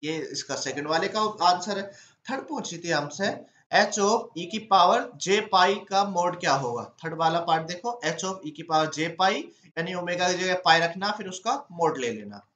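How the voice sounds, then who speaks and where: A man's voice: high voice, lively intonation, moderate pace, pushed and bright, reverberant, muffled recording, slight background noise. A man teaching an exam-prep lesson, walking through each step by asking himself questions and then answering them.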